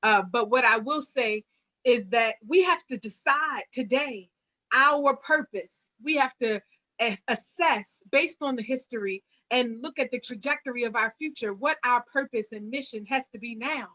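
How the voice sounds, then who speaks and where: A woman's voice: a little high, normal speed, bright, forceful tone, rough recording. A woman hosting an online panel, speaking earnestly with a preacher-like cadence and frequent fillers. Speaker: host; singer.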